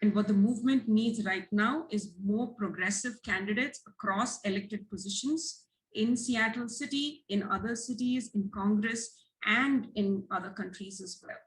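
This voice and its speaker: A woman's voice: mid-range voice, normal speed, low-quality recording. A woman activist giving earnest, emphatic prepared remarks as a guest on a livestream. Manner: earnest, emphatic, listing points.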